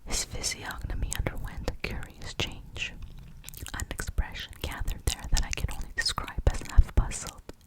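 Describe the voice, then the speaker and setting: A person reading a detective novel aloud as ASMR, in a soft, breathy, semi-inaudible whisper close up. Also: moderate pace. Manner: close-up whispering, murmured and hushed.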